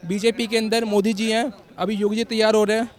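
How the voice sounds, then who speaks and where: Quick talking guy on the street arguing politics, high voice. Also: little pitch movement. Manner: argumentative, keeps conceding then pressing his point. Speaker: passerby interviewed on the street. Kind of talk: street vox-pop opinion.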